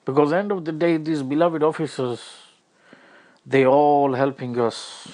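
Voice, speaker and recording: A man delivering a comic, mock-tearful monologue, lamenting over the top and repeating himself in halting bursts. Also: on the high side, steady tone, darkish tone.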